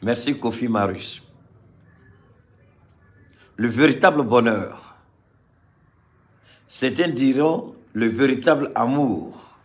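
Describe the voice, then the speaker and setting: A man from Mali delivers impassioned political commentary to a live audience in a medium-pitched voice. He repeats phrases for emphasis and swings between loud and quiet.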